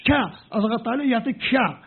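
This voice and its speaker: A man's voice: very high-pitched, expressive, quick pace, slight background noise. A man from Algeria speaking Arabic with an Algerian accent, Kabyle his first language, lecturing as a scholar and sounding out letters and words step by step. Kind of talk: explanatory lecture. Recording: tinny phone-like lo-fi audio.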